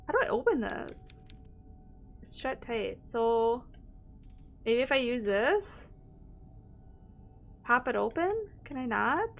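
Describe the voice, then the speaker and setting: A woman's voice: on the high side, lively intonation, takes it slowly, gravelly, pauses often, soft background music. A young woman streaming a horror game, thinking aloud in casual commentary with lots of fillers and hesitations.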